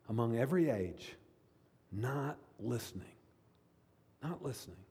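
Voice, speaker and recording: A man preaches with a warm, mellow voice, leaning on earnest repetitions and measured pauses. His words ring out with a long reverb, as if he were in a large sanctuary. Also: medium pitch, breathy edge. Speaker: pastor. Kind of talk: sermon.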